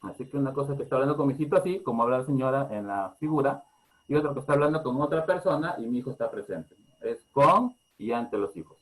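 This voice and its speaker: A man with a Peruvian Spanish accent, a psychologist giving an online parenting lecture in a calm, explanatory way that asks the audience questions. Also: medium pitch, fast talker, poor audio. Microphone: teleconference computer mic.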